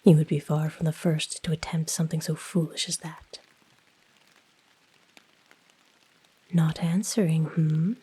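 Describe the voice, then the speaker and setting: A woman voicing a female naga huntress, coaxing and softly threatening, in a breathy whispered role-play. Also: low-pitched, little pitch movement, normal speed. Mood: coaxing, probing. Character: female naga huntress, predatory, coaxing, menacing serpent creature.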